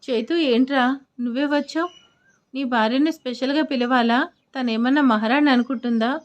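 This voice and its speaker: A grumbling older father-in-law who nags and scolds his son, voiced by a woman narrator. He complains in a fairly high voice. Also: moderate pace, natural voice.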